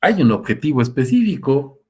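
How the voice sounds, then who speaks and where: A man's voice: medium pitch, sing-song, a little fast, darkish tone, slightly rough. Preacher guy, chatty sermon, keeps asking if ppl follow. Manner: conversational, asks listeners often, acts out quotes. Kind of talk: sermon with live Q&A.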